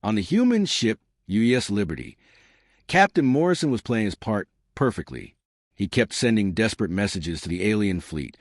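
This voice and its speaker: A man narrating a sci-fi story in a steady, dramatic storytelling manner. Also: fairly low pitch, no echo, studio quality.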